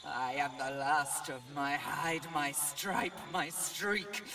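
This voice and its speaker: A fierce spirit tiger in a game, growling threats slowly through gravel and grit. The voice is bright and hard-edged. It rings from far off in a long echo, with music under it. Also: female voice, sits low, a little hiss or hum, exaggerated voice. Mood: vengeful. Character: vengeful female ghost tiger, fierce. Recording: echoey, distant, with music.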